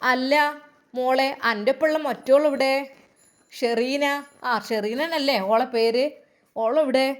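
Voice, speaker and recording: Fussy kindly old auntie, coaxing questions, malabar accent, high voice, woman doing her. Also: takes it slowly, long pauses. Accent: Malabar Malayalam. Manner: warm scolding, coaxing questions. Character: older woman, kindly motherly matriarch Aishumma.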